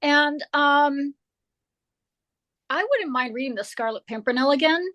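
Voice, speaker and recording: A woman author talking as a guest in a casual conversation. She is slightly hoarse and chatty, rambling through her answers with lots of filler words. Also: high-pitched, animated, measured pace, a bit bright.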